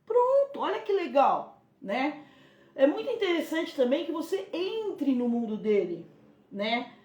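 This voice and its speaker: A Brazilian woman with a high, very lively voice talks to parents in a live stream. She gives advice and acts out gentle talks with a child. The sound carries a roomy echo. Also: unhurried. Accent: Brazilian Portuguese. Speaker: parenting channel host.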